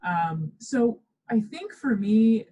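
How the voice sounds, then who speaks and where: A woman from the Bahamas, a professor, speaking thoughtfully as a podcast guest, measured and full of ums. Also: fairly high pitch, lively intonation, mellow, husky, highs cut off. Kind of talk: podcast interview.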